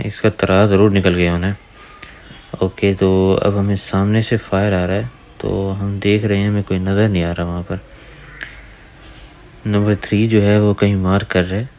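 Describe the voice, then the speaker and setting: A man's voice: sits low, darkish tone, a little hiss or hum. A man giving casual gameplay voice-over commentary, talking to viewers as brothers. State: dry throat from talking. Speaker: gaming YouTuber. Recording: faint gunfire under the voice.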